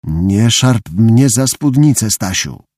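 A man voicing a stern mother scolding her young son in an audiobook, with sharp commands. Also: lowish voice, expressive, slow, dry recording, studio quality. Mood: weary.

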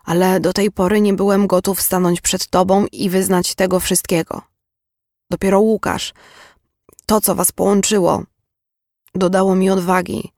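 A man reading an audiobook, voicing a remorseful older father in a quiet, measured, earnest way. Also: high-pitched, flat delivery, no room sound, studio quality, pitched above the performer's own voice.

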